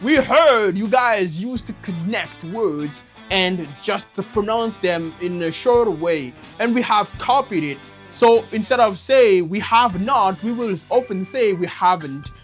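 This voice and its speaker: Brief: performer as a preachy professor character, very slow, deliberate lecturing delivery. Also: medium pitch, lively intonation, faint music behind. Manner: slow, lecturing, addresses listeners as "you guys". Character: professor lecturing the French on English. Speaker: English teacher character.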